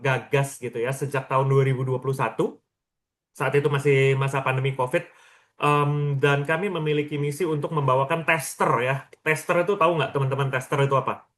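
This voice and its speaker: An education practitioner from Lombok, Indonesia, talks casually to people watching his webinar, frequently checking in on them with questions and tags. He has a medium-pitched, fairly bright voice.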